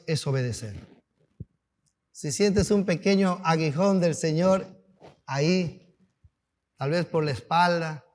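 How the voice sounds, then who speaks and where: Pastor guy preaching, highish voice, lots of questions to the church, gets loud and fired up. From Peru. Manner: preaching with rising fervor, rhetorical questions to the congregation; builds to shouted, drawn-out climaxes. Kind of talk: sermon.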